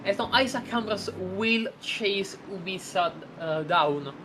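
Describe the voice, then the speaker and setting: A woman giving live sim racing commentary, chatty and rambling, breaking into excited exclamations. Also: medium pitch, measured pace, background noise.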